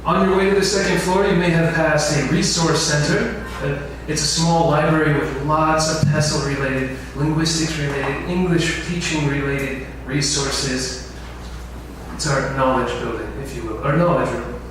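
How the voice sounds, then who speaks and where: An instructor gives an info session lecture to a class, frequently putting questions to the room. His voice is fairly high with fairly even intonation, at normal speed. The recording comes from a large, very echoey lecture room with a distant mic and faint noise.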